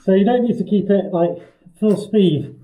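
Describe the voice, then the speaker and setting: A man's voice: sits high, normal speed, mellow. A man vlogging his home renovation, out of breath and sweating between bouts of demolition work. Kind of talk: casual vlog commentary. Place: indoor room under renovation. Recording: echoey bare room.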